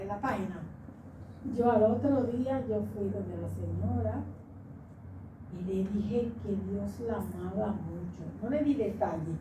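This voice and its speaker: A woman's voice: on the high side, dark tone, reverberant, distant mic, a little hiss or hum, low-quality recording. A woman from the Dominican Republic with a Dominican accent, giving an emotional church testimony and often breaking into laughter and tears. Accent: Dominican Spanish.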